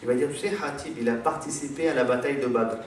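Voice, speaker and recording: In a large echoey hall, a French-born man from France gives a religious lecture, his mid-range voice heard from far off and fast. He rambles and digresses, using many fillers and repeated words, over faint ambience and a little hiss or hum.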